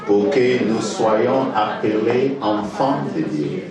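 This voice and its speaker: Preaching in hesitant, halting French peppered with fillers, this Ghanaian pastor, a native English speaker with a Ghanaian accent, leaves pauses for an interpreter. His pitch is medium, with background music; the far-off recording in an echoey church hall has faint noise.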